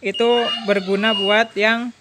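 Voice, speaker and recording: A woman's voice: mid-range voice, little pitch movement, measured pace, very noisy. A woman, demonstrating a motorcycle alarm step by step in a chatty way. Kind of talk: casual product demonstration.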